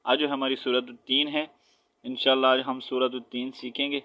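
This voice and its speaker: A man teaching Quran recitation step by step, spelling out letters with their vowel marks and often checking in with his listeners, then chanting verses slowly. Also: medium pitch, little pitch movement, lo-fi sound. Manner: switches between quick explanation and slow drawn-out chanted recitation.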